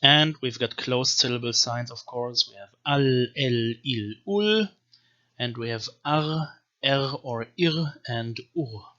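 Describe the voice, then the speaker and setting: Explaining how to read an ancient script, a male language teacher carefully sounds out each syllable in turn in a video lecture. His medium-pitched voice has a sharp tone, and the recording's highs are cut off.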